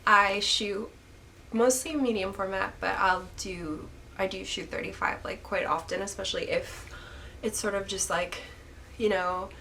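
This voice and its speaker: Answering photography questions from her viewers, a young woman with a stuffy voice from a recent illness talks a little slowly in a steady, medium-pitched, sharp tone. The casual vlog is rambling and full of "like" and restarts, recorded on a camera's built-in mic with slight hiss or hum.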